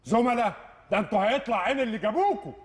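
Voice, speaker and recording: A man's voice: sits high, animated, very fast, in a large hall. An actor playing an armed male robber with an Egyptian accent, barking menacing orders. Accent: Egyptian Arabic.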